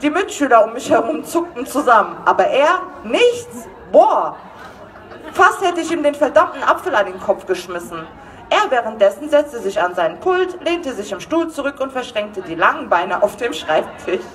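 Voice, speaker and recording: A woman author giving a live reading from her romance novel, lively and laughing, sometimes losing her place. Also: a little high, normal speed, recorded from a distance. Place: event hall.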